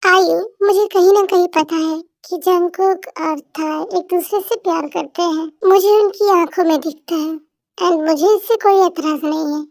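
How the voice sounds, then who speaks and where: A calm, accepting middle-aged mother from an amateur audio drama who talks in a reassuring way, voiced by a woman. The voice is very high and the recording is dry. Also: moderate pace, dry recording.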